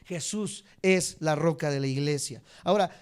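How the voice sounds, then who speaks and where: High-voiced preacher teaching a congregation. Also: male voice, normal speed, clear, resonant tone. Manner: addresses the congregation directly, repeats key words for note-taking; swings between emphatic high peaks and dropped low endings. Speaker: Bible teacher. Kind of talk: church teaching sermon.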